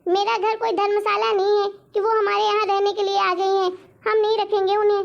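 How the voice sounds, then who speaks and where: A woman voicing a defiant young wife who scolds her husband loudly and rudely, scorning her mother-in-law, in a cartoon story. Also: very high voice, level tone, fairly quick, vocal fry, highs cut off. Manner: loud, scolding, rude. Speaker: daughter-in-law.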